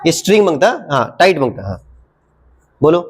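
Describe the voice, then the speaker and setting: A man's voice: on the high side, big pitch swings, fairly quick, breathy edge. A man teaching a class of children in a classroom, coaxing and asking them the same question again and again. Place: classroom with a projector.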